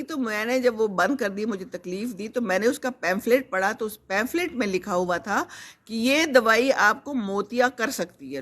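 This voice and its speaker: A woman's voice: a little high, fairly bright tone. Older woman chatting on a live stream. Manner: rambling, chatty, conversational, wanders off topic. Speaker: host. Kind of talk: live-stream chat reading viewer comments.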